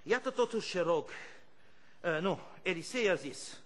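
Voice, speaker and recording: A male pastor preaching a fervent sermon, shifting between shouted praise and quiet storytelling. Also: high-pitched, animated.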